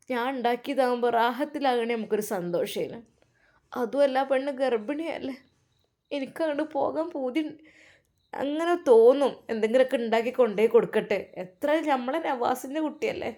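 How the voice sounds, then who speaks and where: A woman's voice: sits high, normal speed, pauses often, dark tone, lightly acted. A woman voicing a worried, talkative middle-aged village woman with a Malappuram Malayalam accent, rambling and pleading as she confides in an older relative. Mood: confiding.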